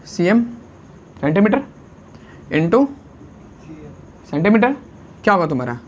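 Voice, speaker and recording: A man teaches a science lesson, constantly asking the class questions and answering them himself while mixing English unit names into his speech. He urges the students to write quickly and calls them friend. His voice sits high, and there is a little hiss or hum.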